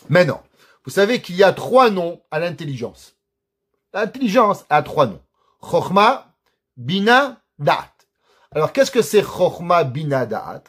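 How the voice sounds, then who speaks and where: A man, a rabbi, giving a Torah lesson and weaving Hebrew quotations into his teaching, often asking questions and answering them himself. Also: high-pitched. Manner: mixes Hebrew quotes into his explanation.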